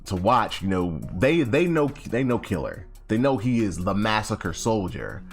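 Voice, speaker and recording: Young guy, deep voice, bouncy delivery, slangy recap with lots of self-corrections. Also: big pitch swings, unhurried, soft background music. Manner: rambling, slangy, self-correcting, acts out quotes. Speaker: anime chapter reviewer. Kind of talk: casual recap.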